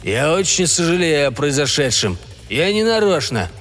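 A man's voice: fairly high pitch, very animated, a bit bright. A man voicing a trembling, frightened drunk projectionist. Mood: fearful. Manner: weak, trembling, slow mumbling. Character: frightened drunk middle-aged male projectionist. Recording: long reverb, faint music behind.

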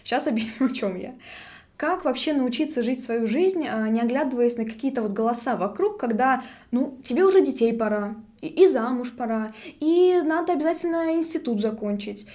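An eighteen-year-old woman hosts a podcast in casual chat, her voice sitting a little high. She talks in a chatty, halting way, with lots of fillers between her thoughts. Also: lively intonation, a little mellow. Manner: chatty, hesitant with many fillers. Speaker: podcast host.

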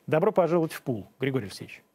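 A man's voice: a little high, sing-song, racing, darkish tone. A man in his forties hosting, delivering a sarcastic opinion monologue and then questioning a guest pointedly. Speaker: host.

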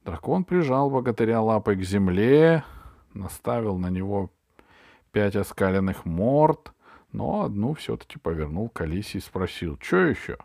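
A man narrating a children's audiobook in steady storytelling. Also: fairly low pitch, moderate pace, vocal fry, no room sound, clean studio sound.

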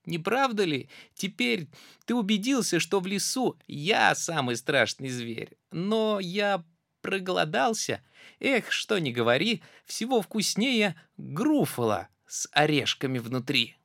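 A storyteller putting on a tiny, clever, boastful mouse with a squeaky, singsong voice. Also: very animated, measured pace, gravelly, fairly bright tone, no echo, studio quality, full character voice. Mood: smug. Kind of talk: storybook reading.

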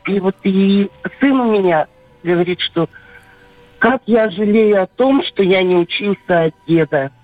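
A middle-aged woman calling in to a radio show over a landline phone, talking haltingly with many pauses and fillers. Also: mid-range voice, no room sound. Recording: tinny phone line, faint music behind.

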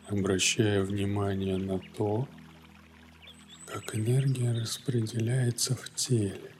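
Man, lowish voice, soothing yoga-teacher manner, very slow pace, guided meditation narration. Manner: unhurried, with long pauses between phrases. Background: soft music.

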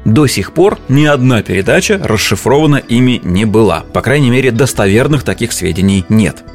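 Male explainer presenter, middle-pitched, conversational, with faint music underneath. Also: animated, brisk. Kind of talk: informal explainer narration.

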